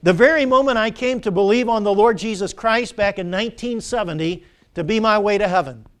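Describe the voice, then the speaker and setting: A man's voice: high-pitched, fairly quick, a bit bright. A middle-aged man preaching a sermon, asking the congregation questions and repeating key phrases.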